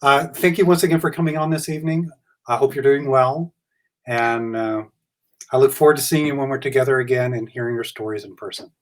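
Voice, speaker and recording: Man, host, gracious, halting, casual chat, video call. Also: mid-range voice. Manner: warm-hearted, gracious, slightly halting.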